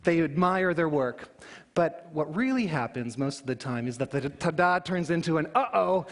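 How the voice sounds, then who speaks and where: A man giving a public talk, telling it in an animated way with emphatic rhetorical questions. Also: a little high, moderate pace. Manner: animated storytelling, emphatic question-and-answer delivery. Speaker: conference speaker. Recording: hall reverb.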